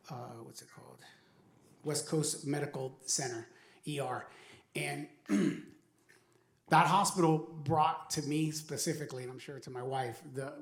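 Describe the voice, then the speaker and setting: Middle-aged father, mid-pitched and earnest, telling a testimony in an echoey room. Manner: earnest, reflective storytelling. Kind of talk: personal faith testimony. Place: university venue.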